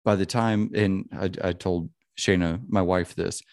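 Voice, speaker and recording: A man in his early thirties talks in a loose, rambling way, swearing casually and checking in with "you know what I mean." His voice sits very low. The sound is dry and close, with no room around it. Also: fairly even intonation, measured pace, gravelly, a little mellow, no room sound. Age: 30s. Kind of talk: casual chat.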